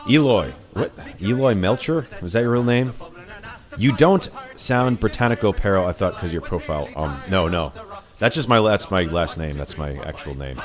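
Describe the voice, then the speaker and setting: Speaking at a normal pace, this deep-voiced, expressive man from New York runs a live music stream and chats loosely through viewer comments, often restarting and saying "uh." Behind him, recorded Irish music plays loudly.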